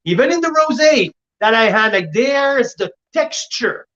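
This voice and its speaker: High-voiced man, sommelier-style wine chat. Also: lively intonation, a little slow, fairly bright tone. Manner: sommelier-like wine tasting talk. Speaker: host and wine reviewer. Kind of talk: casual wine tasting chat. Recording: dull, lo-fi audio.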